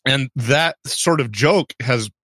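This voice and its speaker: A man's voice: medium pitch, slow, a bit bright, no room sound, clean studio sound. A man co-hosting a podcast, casually walking through a movie's plot at length with asides. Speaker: podcast co-host.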